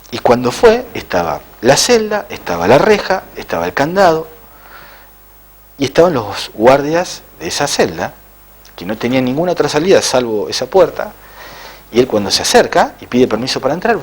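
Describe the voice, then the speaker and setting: Husky-voiced man telling a spiritual tale. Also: on the high side, very animated. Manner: halting, with frequent "eh" fillers. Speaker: interviewed author. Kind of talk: spiritual storytelling in an interview.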